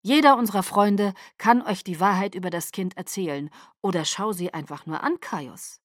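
Woman reading a calm, earnest vampire patriarch. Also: mid-range voice, normal speed, no room sound, clean studio sound, natural voice. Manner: earnest, level, persuasive.

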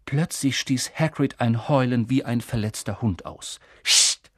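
A man narrating an audiobook in a calm, even storytelling manner. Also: mid-range voice, unhurried, slightly rough, dry recording, clean studio sound. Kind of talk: scripted narration.

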